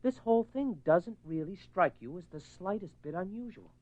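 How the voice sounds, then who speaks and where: An exasperated, short-tempered husband, worried about his obsessed wife, is voiced by a man with a high voice, lively intonation, and moderate pace. The radio horror play, captured on a dull lo-fi recording, has him sounding angry, blunt, and argumentative.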